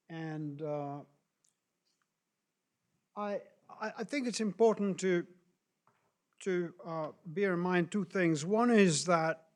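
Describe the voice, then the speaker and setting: A man from South America delivering a lecture at a slow, measured pace, with a fairly high voice. He speaks deliberately, pausing often with fillers and restarting his phrases. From Chile and Argentina. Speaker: speaker on human rights law. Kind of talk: lecture presentation.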